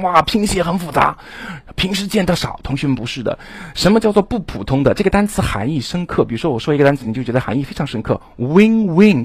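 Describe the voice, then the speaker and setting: Animated man teaching English vocabulary. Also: a little high, no room sound. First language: Chinese. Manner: animated, exclaims and addresses students directly. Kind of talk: classroom lecture.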